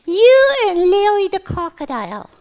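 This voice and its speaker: Woman doing a high singsong puppet boy. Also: wildly swooping pitch, unhurried, darkish tone, full character voice. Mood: teasing. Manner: singsong teasing. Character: cheeky teasing young male puppet sidekick. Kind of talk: children's puppet show.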